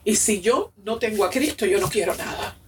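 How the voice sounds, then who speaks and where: A woman's voice: mid-range voice, animated, normal speed, far from the mic, slight background noise. A woman in her forties from Cuba, with a Cuban accent, giving a personal faith testimony in a fervent, emotional way and repeating phrases for emphasis. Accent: Cuban Spanish. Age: 40s. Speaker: church member giving testimony.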